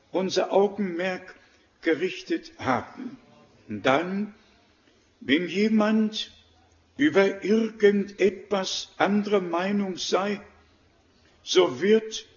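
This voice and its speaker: Slow, high-voiced German preacher. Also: male voice, lo-fi sound. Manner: slow, measured preaching with emphatic scripture reading. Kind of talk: sermon.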